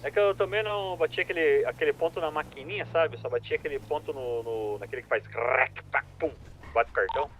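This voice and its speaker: A man's voice: a little high, a little fast, slight background noise. A man speaking as a police radio dispatcher, his voice coming through a police radio transmission in a casual, chatty way. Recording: muffled radio speaker in a vehicle.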